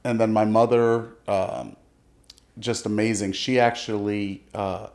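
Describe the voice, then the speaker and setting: Soft-spoken middle-aged man, humble guest. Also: lowish voice, steady tone, a little slow. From Florida. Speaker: podcast guest. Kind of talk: casual interview chat.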